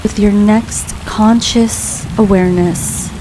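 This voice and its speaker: A woman leading a guided grounding meditation in a calm, soothing, unhurried way, leaving long pauses between phrases. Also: mid-range voice. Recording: steady rain noise behind voice. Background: rain falling.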